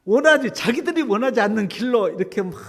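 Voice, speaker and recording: A male pastor preaching a sermon, swinging from loud exclamations to hushed whispers and acting out quoted prayers. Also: very high voice, animated, fast talker. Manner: acts out quoted prayers and complaints. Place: church sanctuary. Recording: long hall reverb.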